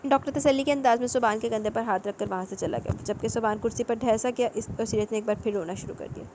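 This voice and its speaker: A woman narrating a novel in a steady, even reading. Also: on the high side, a little hiss or hum. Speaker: audiobook narrator.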